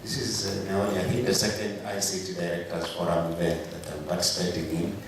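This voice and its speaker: A deep-voiced man from Uganda introduces himself cordially, his pitch barely moving. He is heard from afar in an echoey conference hall. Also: level tone, fairly quick, noisy background. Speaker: network CEO. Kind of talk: self-introduction. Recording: echoey hall, mic far off.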